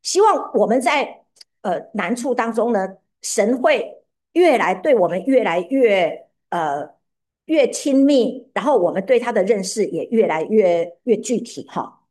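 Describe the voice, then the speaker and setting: Woman preacher, sermon delivery, engages the room with questions, lively rising and falling voice. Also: medium pitch, a little slow. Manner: animated, often asks listeners questions.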